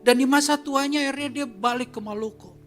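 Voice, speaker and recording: A male pastor with a high, bright, forceful voice tells a personal story as a sermon at a church service. He keeps it conversational and turns to the congregation with questions, with soft music under him. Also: fairly quick.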